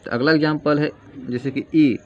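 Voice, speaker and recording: A male grammar teacher giving a lesson, asking questions and answering them himself and repeating key terms slowly. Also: fairly high pitch, fairly even intonation. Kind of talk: classroom-style grammar lesson. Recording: dull lo-fi sound with faint noise.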